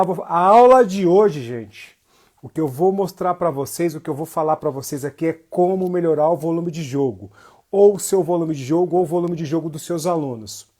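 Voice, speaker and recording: With a fairly high pitch and a darkish tone, a capoeira teacher greets viewers and gives a casual livestream lesson. He hails from Jacobina, Bahia, Brazil and carries a northeastern Brazilian accent, keeping things informal and slangy while repeating phrases for emphasis.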